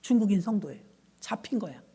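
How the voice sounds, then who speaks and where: Middle-aged woman pastor, sermon storyteller, lively, plays out dialogue as she goes. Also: medium pitch, fast talker, husky.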